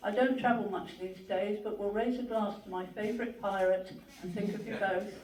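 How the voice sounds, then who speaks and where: The host of a memorial gathering, reading tributes and introducing speakers in a gentle, unhurried way with small hesitations. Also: mid-range voice, steady tone. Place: large hall at a memorial gathering. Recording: echoey hall, from a distance, faint noise.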